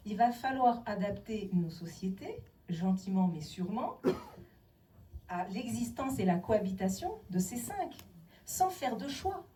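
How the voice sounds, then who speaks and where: Recorded from a distance on low-quality equipment, a middle-aged woman with a mellow, medium-pitched voice speaks emphatically about inclusive city design in a town hall meeting room. She throws out rhetorical questions and imitates the people she quotes.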